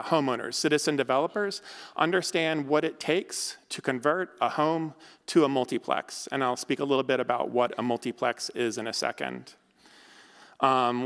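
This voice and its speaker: A man gives an academic talk in a lecture hall. His voice is smooth and resonant, and a long reverb trails after his words. He speaks conversationally, often pausing on fillers and correcting himself. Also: mid-range voice, a bit bright. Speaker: academic researcher giving a talk. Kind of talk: conference talk.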